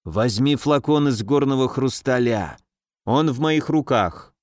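A man reading the part of a dying old nobleman father, speaking slowly and weakly. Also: mid-range voice, lively intonation, darkish tone, no echo, studio quality, close to an everyday voice. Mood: weak, pleading. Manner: slow, weak, muttering.

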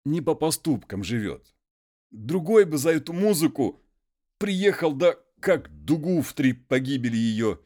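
A man voicing an illiterate peasant man who wheedles and pleads in folksy, drawn-out speech. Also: fairly high pitch, very animated, a little mellow, pitched above the performer's own voice. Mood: pleading.

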